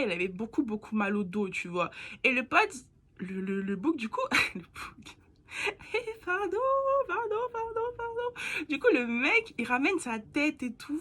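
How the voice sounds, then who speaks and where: A young woman tells her story as a casual, slangy monologue. Her voice is bright and forward, with a husky, breathy edge. She drops to a near-whisper for her asides. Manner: chatty, animated, slangy, with bursts of squeaky laughter and hushed asides. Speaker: vlogger.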